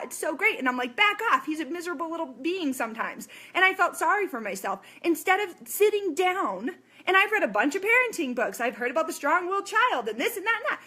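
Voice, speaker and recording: A woman's voice: very high voice, pushed and bright. A woman in her thirties, a fitness coach, giving a blunt ranting motivational talk, swearing and asking "okay?" and "guess what?".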